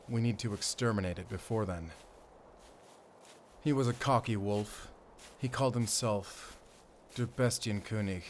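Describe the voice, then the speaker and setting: In a gothic horror audio roleplay, a male actor plays a mysterious, confident monster hunter with a German accent, addressing a companion in a measured way. His voice is lowish and lightly acted. Slight background noise is present.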